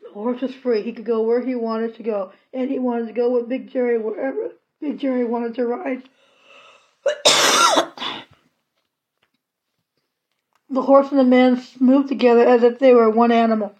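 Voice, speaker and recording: A woman reading a classic children's novel aloud at an unhurried pace, plain and steady. Her voice is fairly high, and the recording has a slightly dull, lo-fi quality. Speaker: audiobook reader.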